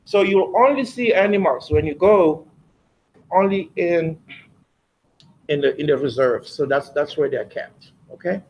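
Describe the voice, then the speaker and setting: A man with a South African accent speaking to schoolchildren in a classroom, asking them questions and pausing on fillers. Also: fairly high pitch, highs cut off. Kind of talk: classroom talk. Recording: roomy, distant classroom recording with faint noise.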